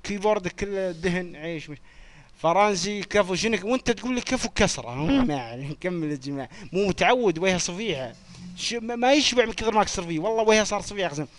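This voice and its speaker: A young man hosting a joking quiz on a live chat stream, teasing the players in quick banter. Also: sits high, animated. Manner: teasing, swears oaths, rapid banter with participants.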